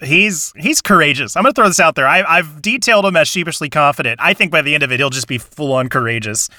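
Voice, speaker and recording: A man's voice: on the high side, animated, quick pace, bright, forceful tone, no echo, studio quality. A man hosting a casual podcast discussion, talking enthusiastically in rambling bursts with frequent restarts. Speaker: podcast host.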